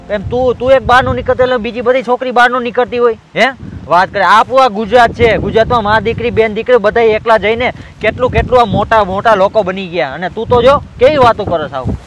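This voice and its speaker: A man's voice: very high-pitched, a little hiss or hum, rough recording. A man acting as a brash, boastful young man on a Facebook date in a comedy sketch, recorded outdoors.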